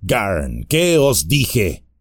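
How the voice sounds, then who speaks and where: A man's voice: lowish voice, wildly swooping pitch, very slow, no echo, heavily acted. A man voicing a big, sneering, brutish ruffian in an audiobook, menacing and mocking. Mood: scornful.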